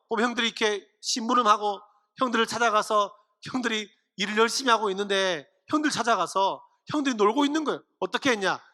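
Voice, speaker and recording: A man preaching to teenagers, telling a story in an animated way and acting out the people in it. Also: high-pitched, in a large hall. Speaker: pastor. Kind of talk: youth sermon.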